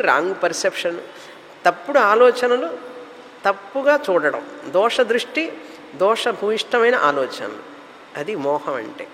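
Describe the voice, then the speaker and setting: Male spiritual teacher, explanatory, lists ideas in runs; fairly high voice, hall reverb. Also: a bit bright, slight background noise. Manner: explanatory, lists terms in runs, mixes English words. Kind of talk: spiritual discourse.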